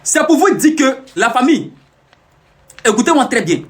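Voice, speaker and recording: Young male live streamer, brags and teases while repeating himself, pitched high and lively. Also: normal speed. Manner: boastful, teasing, repeats phrases over and over. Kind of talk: casual boastful live-stream talk.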